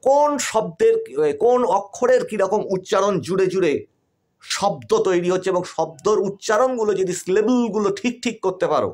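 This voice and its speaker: Bengali guy teaching english online, goes step by step, keeps asking "right?", voice a bit high, dry mic. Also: brisk, darkish tone, no room sound. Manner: explains step by step, checks in with "right?". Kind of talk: online class lesson.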